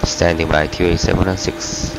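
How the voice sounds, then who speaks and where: A man's voice: low voice, flat delivery, moderate pace, gravelly, soft background music, low-quality recording. A man with a Korean accent, a virtual airline pilot on a cockpit headset, giving clipped radio readbacks to air traffic control with hesitations. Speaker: virtual airline pilot on a flight-sim network.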